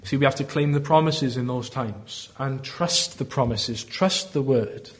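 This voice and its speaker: A man with a Welsh Valleys accent preaching a sermon in an earnest, deliberate way, often posing rhetorical questions. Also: mid-range voice. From South Wales valleys.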